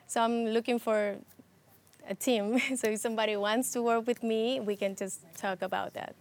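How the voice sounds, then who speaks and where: A woman from Ecuador, a TV producer being interviewed, talking hesitantly with restarts and soft laughs. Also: on the high side, steady tone, normal speed. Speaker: interview guest, TV producer and host. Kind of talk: casual interview conversation.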